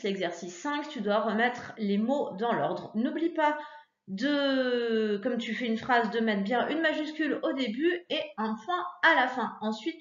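A woman teacher with a fairly high voice guides young children through a worksheet, patient and encouraging. She pauses on fillers now and then. The sound is roomy and a little dull, as if taped on a basic setup. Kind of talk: recorded lesson for young pupils. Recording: echoey room, dull lo-fi sound.

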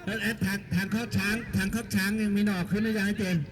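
A man's voice: little pitch movement, racing. A man giving chatty local football commentary at an outdoor field, joking with people nearby. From Thailand. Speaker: match commentator. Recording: loud crowd at a pitch.

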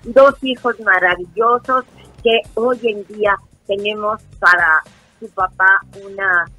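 A woman's voice: medium pitch, steady tone, slow, pushed and bright, faint music behind. An older woman, a guest calling into a talk show by phone. She sounds faint and far off, and she talks affectionately, full of endearments. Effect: phone call, heard faintly as if from far off. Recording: distant phone line.

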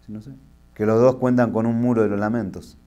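Rabbi telling jokes in a sermon. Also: male voice, fairly low pitch, brisk. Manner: lively storyteller, mixing teaching with jokes.

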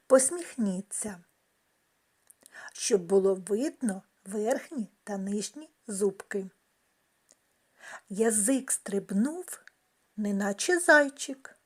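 A woman teaching young children a speech-sounds lesson, talking slowly and carefully in a sing-song way. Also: mid-range voice. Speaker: kindergarten teacher.

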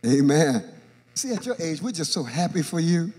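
The long reverb of a large church hall surrounds an older man, a bishop, preaching into a handheld mic from the stage. His voice is fairly high and his speed normal. His sermon is animated as he plays Bible characters and trades jokes with the congregation.

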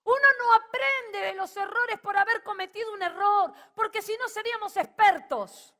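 A woman's voice: extremely high pitch, normal speed, a bit bright. A middle-aged woman with an Argentine accent preaching a sermon and rousing the congregation to call back. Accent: Rioplatense Spanish. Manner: rousing, calls out to the audience.

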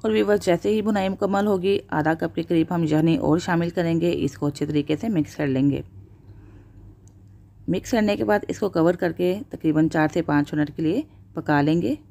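Low-pitched woman, calm step-by-step recipe voice-over for her own channel. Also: normal speed, vocal fry. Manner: steady instructional narration with religious blessings. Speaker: cooking channel host. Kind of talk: voice-over cooking tutorial.

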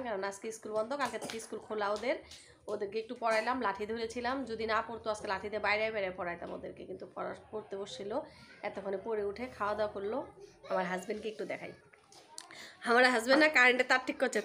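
A woman's voice: on the high side, very fast. A middle-aged woman chatting casually to her viewers in a home vlog, her face swollen from toothache. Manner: chatty, animated, addresses viewers as brothers and sisters. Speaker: village vlogger.

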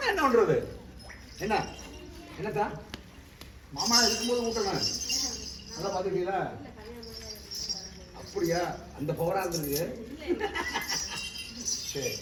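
A man's voice: high voice, expressive, moderate pace, long pauses. A man leading a ritual oracle session, coaxing and questioning people in a familiar way. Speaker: temple oracle medium. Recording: echoey, distant mic, loud background noise.

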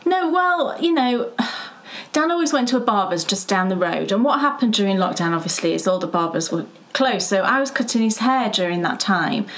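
A woman of fifty chatting casually as a knitting show co-host, telling stories with laughs and lively animation. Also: mid-range voice, normal speed, poor audio. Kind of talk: casual chat.

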